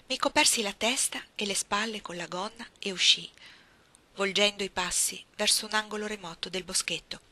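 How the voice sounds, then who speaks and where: Woman reading a novel aloud, measured and expressive, really bright sharp tone. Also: medium pitch. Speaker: audiobook reader. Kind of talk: literary audiobook narration.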